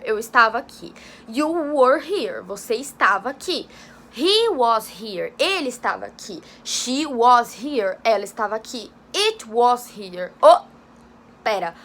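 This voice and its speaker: A young Brazilian woman with a high, bright voice runs a casual online English lesson. She talks in a chatty, loose way, checks in with her viewers often and drops the odd swear word. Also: very animated, a little slow. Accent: Brazilian Portuguese. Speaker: English teacher.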